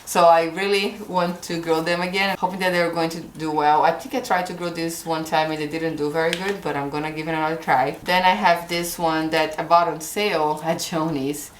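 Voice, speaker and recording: A woman in her thirties with a Brazilian Portuguese accent chats casually to camera from a corner of her kitchen at home about her garden plans, gesturing and holding up seed packets. Her low voice has little pitch movement, and she talks briskly with hardly any pauses, in a roomy-sounding space.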